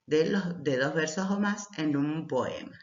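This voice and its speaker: A woman teacher explaining lessons patiently, often checking in with a short "mm?" and reading verses aloud slowly. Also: low voice. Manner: reads poems aloud slowly. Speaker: language teacher. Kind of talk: recorded class lecture. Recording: roomy, dull lo-fi recording.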